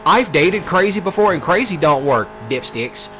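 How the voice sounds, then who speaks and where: This streamer, a man with a Southern US accent and a high voice, speaks at normal speed with soft music playing in the background. He rambles casually over gameplay in a brash, folksy rant, using rural slang and often repeating himself, amid noisy, steady vehicle sounds.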